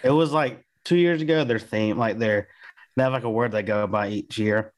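A man's voice: lowish voice, moderate pace. A young man co-hosting a casual podcast chat, laid-back and brief in his replies. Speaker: podcast co-host.

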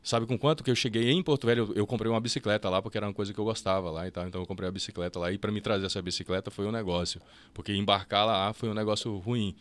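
A Brazilian man telling his story as a podcast guest, lively and quick, with fast restarts and acted-out bits of dialogue. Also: lowish voice, no echo. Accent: Brazilian Portuguese. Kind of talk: casual storytelling interview.

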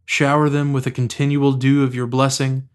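A man leading prayer as officiant, reciting liturgy and scripture in a solemn, measured reading manner. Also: mid-range voice, level tone, smooth.

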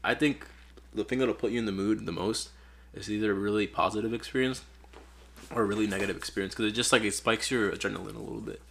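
This gravelly, lowish male voice belongs to a twenty-something photographer from Peru, talking quickly and loosely on a podcast. He rambles, leans heavily on "like," and stays relaxed, with slight background noise in the recording.

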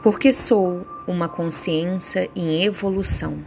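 A woman guiding a meditation with affirmations in a soothing, unhurried way, leaving pauses between phrases. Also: lowish voice, fairly even intonation, creaky. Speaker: meditation guide. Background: soft background music.

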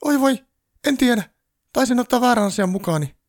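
A man voicing a panicky little Christmas elf who shrieks in a frantic high voice. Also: animated. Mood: panicked.

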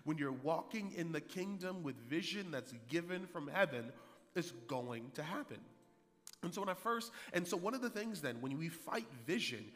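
A man preaches with energy, his bright, forceful voice climbing higher and louder whenever he drives a point home. He sits a little high for a man, and a long hall reverb trails every phrase. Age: 30s. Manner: energetic preaching, rising loud and high for emphasis, repeats key lines. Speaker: pastor. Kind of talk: sermon.

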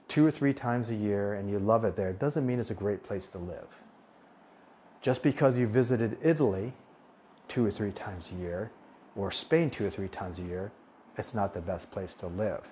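This is a fortysomething American man hosting a podcast on living abroad. He speaks casually in a monologue, frequently restarting and self-correcting, in a fairly low voice with a darkish tone, and there is a little hiss or hum.

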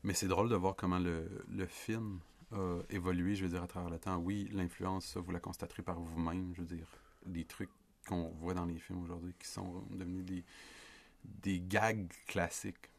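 A man in his thirties with a Quebec French accent chats about films on a podcast. His voice sits very low and gravelly, and his talk is relaxed and full of asides. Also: moderate pace, a little hiss or hum. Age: 30s. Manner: relaxed, frequent "je veux dire" asides. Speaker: podcast co-host. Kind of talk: casual film discussion.

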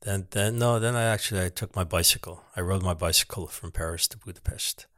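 A man's voice: low-pitched, a little fast, fairly bright tone, dry recording, clean studio sound. A man, a sculptor being interviewed on a podcast, talking reflectively with many restarts. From United States. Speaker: guest, sculptor. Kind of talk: casual podcast conversation.

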